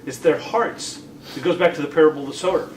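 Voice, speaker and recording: A man's voice: fairly high pitch, fast. A man in a Bible class answering the teacher's questions thoughtfully, explaining his view. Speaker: class member. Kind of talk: classroom discussion. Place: church classroom. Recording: echoey room, far mic, faint hiss.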